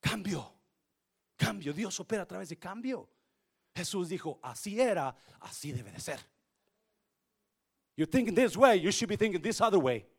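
Preaching in a husky, high and animated voice that climbs and dips, this male pastor with a Spanish accent keeps a measured pace and pauses often. His sermon blends Spanish and English within sentences, moving from quiet moments to outright shouting.

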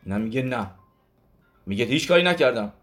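A man's voice: mid-range voice, expressive, a bit bright, faint music behind. A man teaching a religious lesson, retelling stories in a loose conversational way that halts and often restarts words. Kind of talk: storytelling Torah lesson.

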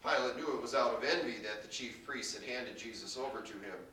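A man's voice: medium pitch, fairly quick, sharp tone, roomy sound, recorded from a distance, a little hiss or hum, rough recording. A man pastor reading scripture in a worship service, his voice rising sharply on the quoted lines. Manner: dramatic reading, raising his voice for quoted speakers. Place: church sanctuary.

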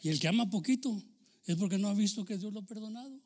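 A man preaching a sermon as pastor, swinging between loud exclamations and low asides. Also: fast.

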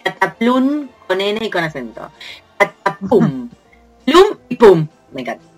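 A woman's voice: medium pitch, sing-song, a little slow, faint music behind. A woman with a Rioplatense Spanish accent, hosting a casual podcast chat, playful and laughing often as she sounds out onomatopoeia. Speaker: podcast host.

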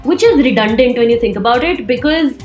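A woman's voice: a little high, expressive, a little fast, darkish tone, roomy sound, soft background music. A woman with an Indian accent co-hosting a casual chat, joking and switching between English and Hindi. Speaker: podcast co-host.

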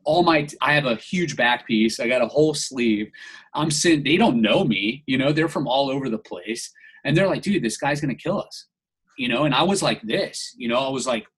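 Husky man telling a rambling story. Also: medium pitch, lively intonation, moderate pace, fairly bright tone, rough recording. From United States. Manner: rambling, heavy use of "like", restarts. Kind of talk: casual podcast storytelling.

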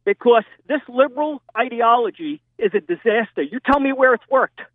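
A man's voice: extremely high pitch, lively intonation, normal speed, no echo. A man calling in to a talk radio show over the phone, insistent and repetitive, demanding to be allowed to finish. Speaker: caller. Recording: tinny phone line.

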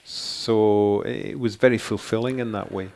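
An older man from Scotland, answering interview questions as an author in a thoughtful, halting way with many restarts. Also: fairly low pitch, steady tone, gravelly, darkish tone. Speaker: author guest.

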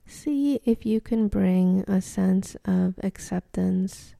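Slow and gentle, a woman leads a meditation with long pauses, her medium-pitched voice soft, breathy and often near a whisper, with some creak at the edges. The sound is close and dry with no room sound, and she remains soothing throughout.

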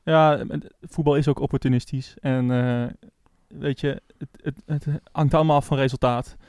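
Halting man, dry sound. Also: mid-range voice, fairly even intonation, a little mellow, no room sound. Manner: halting, many restarts and fillers. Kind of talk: casual chat.

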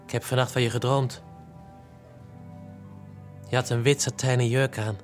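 In an audio drama, a man voices the main character, a lovesick, remorseful young man speaking in a pleading, confessional way. His mid-range voice sounds natural with little pitch movement at normal speed, and faint music plays behind him.

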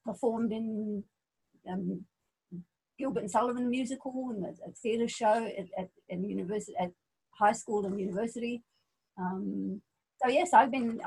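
Born in Scotland and brought up in Australia, a woman in her forties chats as an interview guest in a casual conversation, thoughtful and prone to ums and restarts. Her mid-range voice carries vocal fry and a slight roughness, and the audio quality is poor.

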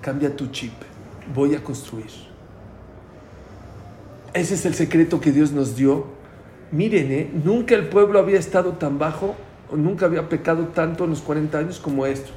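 A man giving a lively sermon, acting out voices of the people and of God as he preaches. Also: on the high side, moderate pace, reverberant, a little hiss or hum. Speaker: rabbi.

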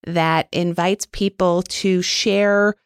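A woman's voice: lowish voice, steady tone, slow pace, smooth, no echo, clean studio sound. A woman answering interview questions in an earnest, enthusiastic way with frequent fillers. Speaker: interview guest.

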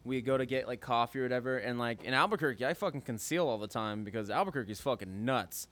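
A man's voice: mid-range voice, fast, fairly bright tone. A male comedian telling a rambling, profane story in casual podcast chat, full of fillers.

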